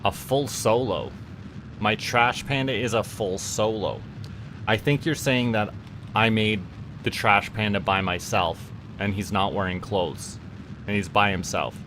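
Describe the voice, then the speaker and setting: Speaking unhurriedly in a voice on the low side, a Canadian VTuber streams a game with background noise behind him. He chats casually with viewers, rambling and tripping over repeated words.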